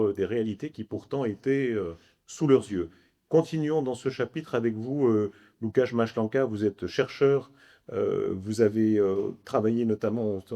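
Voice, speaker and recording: A man's voice: medium pitch, dark tone. A man moderating a panel debate, speaking articulately in long, winding, reflective sentences.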